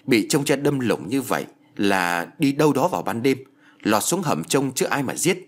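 A man's voice: mid-range voice, very animated, moderate pace. A man voicing a drunk, arrogant village official who barks orders. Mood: bossy. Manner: gruff, bossy.

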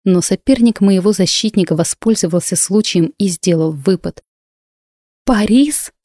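A woman narrating a first-person fantasy audiobook in a steady, expressive storytelling manner. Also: lowish voice, moderate pace, no room sound, studio quality.

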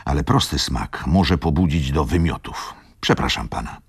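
A man voicing a proud middle-aged merchant in a radio reading, cold and measured. the voice sits very low with a gravelly, creaky grain, and the sound is dry and close to the mic. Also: animated, dry recording, heavily acted. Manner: measured, hollow, clipped.

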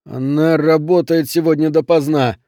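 A man's voice: fairly high pitch, fairly even intonation, moderate pace, mellow, no echo, studio quality, voice pushed up, lightly acted. A man reading the part of a terrified husband who begs in a strained voice. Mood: pleading. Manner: pleading, strained. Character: terrified husband pleading for mercy.

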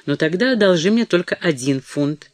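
A man's voice: sits high, expressive, moderate pace, no echo, studio quality. A man voicing a rude, scheming young son who talks curtly and bitterly. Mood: demanding. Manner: curt, bitter and demanding.

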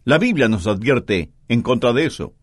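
A man's voice: mid-range voice, lively intonation, moderate pace, slightly rough, no room sound, studio quality. A man preaching an earnest sermon, telling stories and making points with strong emphasis.

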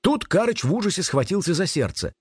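A man narrating a children's story in an expressive, animated manner, over faint background music. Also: sits high, a little fast, husky, no echo. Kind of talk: storybook reading.

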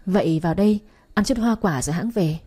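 A woman voicing a young pregnant woman who chats warmly, then wails and accuses in panic. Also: on the low side, expressive, a little fast, husky. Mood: friendly chatty.

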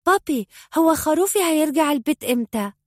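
A shrill little boy with an Egyptian accent, close to tears with rage, as a woman puts him on. His voice leaps high and loud, and the reading is dry and close. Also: animated, fast talker, dry recording. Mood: eager. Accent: Egyptian Arabic. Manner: shrill, outraged shouting. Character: young boy, angry and wounded.

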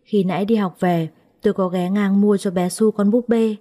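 A woman narrating a first-person story in a gentle, tender way. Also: mid-range voice, steady tone, normal speed.

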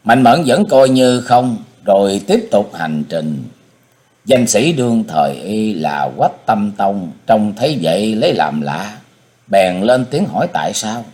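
A man narrating a martial-arts novel as an audiobook, with an expressive storytelling cadence. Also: fairly low pitch.

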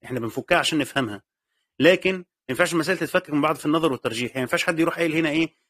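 A man with an Egyptian accent delivers a quick-paced classroom lesson, his voice sitting a little high for a man. He works through each point aloud, repeating key phrases and asking himself questions before answering them. The sound is dry and close, with little room to it. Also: a bit bright, dry recording. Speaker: teacher of Quranic exegesis.

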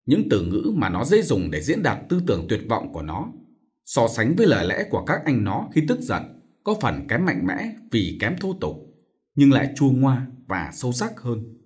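Expressive male audiobook narrator. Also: mid-range voice, moderate pace. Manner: expressive, dramatic storytelling. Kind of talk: scripted novel narration.

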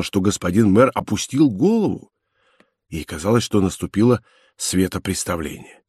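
A man narrating a classic novel in a measured, grave storytelling manner. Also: mid-range voice, darkish tone, husky, no room sound, studio quality. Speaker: audiobook narrator. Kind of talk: dramatic literary narration.

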